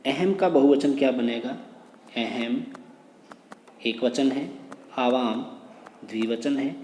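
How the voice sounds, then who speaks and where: A man's voice: mid-range voice, takes it slowly, darkish tone. A man teaching a lesson, reading phrase by phrase, translating each one and patiently drilling words. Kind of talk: explaining a lesson line by line. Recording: roomy with long reverb, faint noise.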